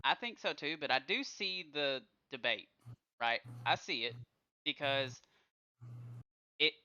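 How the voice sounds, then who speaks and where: A man co-hosting a podcast in casual chat, encouraging and quick to give shout-outs. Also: fairly high pitch, animated, clear, resonant tone. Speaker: podcast co-host. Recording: dull lo-fi sound.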